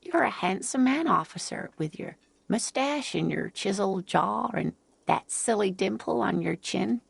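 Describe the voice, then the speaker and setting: Old woman, game character, creaky, husky; doting and scatterbrained. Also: mid-range voice, animated, unhurried, no echo, full character voice. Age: older. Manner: doting, talkative.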